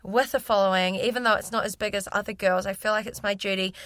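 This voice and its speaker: A woman's voice: medium pitch, fairly even intonation, quick pace, a bit bright. A young woman speaking candidly and chattily as a guest in a casual interview. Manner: candid, talkative. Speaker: fitness influencer, interview guest.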